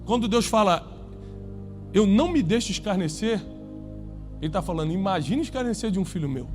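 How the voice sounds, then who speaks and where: A man preaching to a live congregation in a high, ringing voice. He speaks emphatically, swinging between loud climaxes and low, quiet stretches. Soft music plays faintly underneath. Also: lively intonation, fairly quick. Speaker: pastor.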